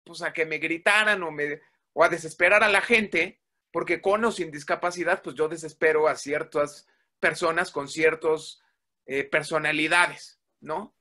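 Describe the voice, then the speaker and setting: A man's voice: fairly high pitch, a little slow. A man casually telling a workplace story, acting out the dialogue and swearing freely. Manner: animated, acts out quoted dialogue, swears casually. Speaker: guest telling a work story.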